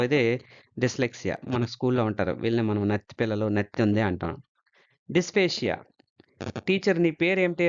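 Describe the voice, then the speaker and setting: Man giving an exam-prep lecture, lo-fi. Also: mid-range voice. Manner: explains step by step, mixing English terms into his talk. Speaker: teacher.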